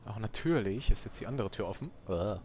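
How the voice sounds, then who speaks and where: A man's voice: lowish voice, animated, fast talker, a little mellow, a little hiss or hum. A man giving casual, joking commentary while playing a video game, with sarcastic asides. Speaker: let's player.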